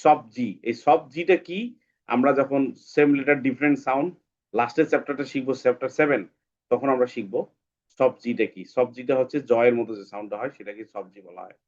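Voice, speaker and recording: A man's voice: mid-range voice, fast talker, darkish tone, muffled recording. A man teaching English phonics, repeating each sound several times for the class. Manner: drills sounds by repeating them many times. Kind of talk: online phonics lesson.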